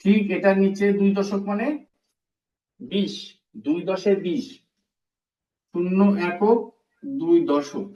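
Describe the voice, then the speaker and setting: A man's voice: sits high, slow, long pauses, warm tone. A man teaching a primary school math class, explaining step by step, repeating terms and quizzing his pupils. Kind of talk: recorded classroom math lesson. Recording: roomy, distant and dull-sounding.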